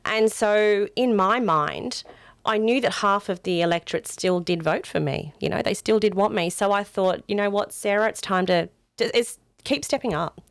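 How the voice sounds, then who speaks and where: A hoarse woman with a croaky voice, earnestly answering interview questions as a political candidate. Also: mid-range voice, moderate pace, dry recording. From Australia. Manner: earnest, campaign-style, with many fillers. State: hoarse, losing her voice.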